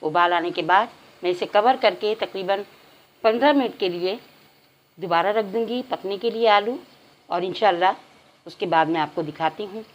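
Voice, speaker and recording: A woman hosting a cooking channel, giving calm step-by-step recipe instructions to her viewers in a home kitchen. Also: mid-range voice, normal speed, low-quality recording.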